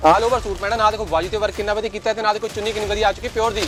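Rapid-fire shopkeeper man. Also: high voice, steady tone, a loud crowd. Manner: eager sales patter with repeated stock phrases. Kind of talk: showing goods in a sales video.

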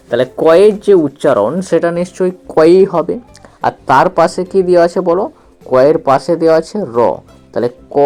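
Slow, patient man teaching reading. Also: a little high, a little mellow. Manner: spells out letters and repeats syllables; asks the listener questions.

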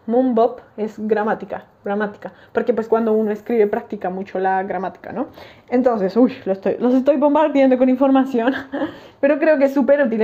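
A woman's voice: a little high, narrow, tinny audio. A young woman casually talking through her language study notes, often checking in with listeners. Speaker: language-learning vlogger.

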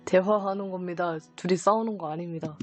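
A woman chatting casually during a live dubbing session, with an animated, teasing and exclamatory manner. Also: fairly low pitch, fairly quick. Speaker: amateur voice performer in a dubbing session. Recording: music behind the voice. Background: background music.

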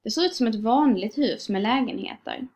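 A woman voicing a young male American businessman who speaks calmly and politely. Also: a little high. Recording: dull lo-fi sound.

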